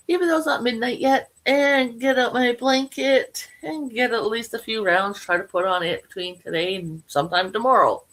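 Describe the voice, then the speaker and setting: A middle-aged woman talking casually to her viewers about her crochet projects, rambling and correcting herself as she goes. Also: on the high side. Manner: rambling, chatty, self-correcting. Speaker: crochet vlogger.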